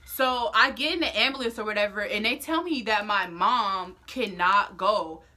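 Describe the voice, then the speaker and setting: Bright-voiced young woman telling a story. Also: mid-range voice, normal speed. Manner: animated storytelling, casual slang and cussing; acts out quoted lines. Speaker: vlogger. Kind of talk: storytime vlog.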